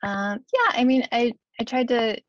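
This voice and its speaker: A woman's voice: fairly high pitch, sing-song, a little slow, no room sound, highs cut off. A young woman scholar answering questions on a video call, hesitant, with many fillers and "right?" tags. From United States, Kentucky. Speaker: guest scholar. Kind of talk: online Q&A answer.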